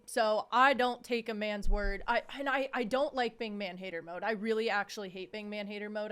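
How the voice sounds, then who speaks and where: A woman in her twenties co-hosting a podcast, chatting casually in a blunt, profane and animated way. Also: a little high, smooth. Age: 20s. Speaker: podcast co-host. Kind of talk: casual chat.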